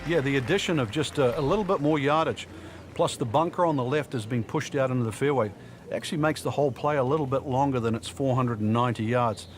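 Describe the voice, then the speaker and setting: A man's voice: medium pitch, quick pace, faint music behind, natural voice. A man playing a folksy, knowing golf commentator, explaining things conversationally for a video game broadcast. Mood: conversational, wry.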